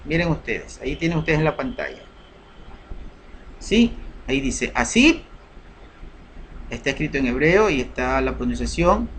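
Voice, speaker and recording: A man leads a scripture lesson in a halting, conversational way, full of fillers and quick checks with his listeners. His voice sits fairly high for a man. A faint hiss runs under the recording. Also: very animated, a bit bright. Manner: hesitant, many fillers, asks "¿no?" and "¿sí?" often. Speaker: Bible study teacher. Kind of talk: casual religious lesson over slides.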